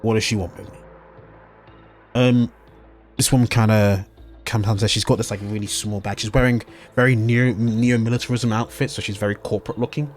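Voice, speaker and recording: A man's voice: mid-range voice, fairly even intonation, fairly quick, soft background music. A man narrating as game master of a tabletop game, casual and hesitant, full of ums and self-corrections, with frequent swearing.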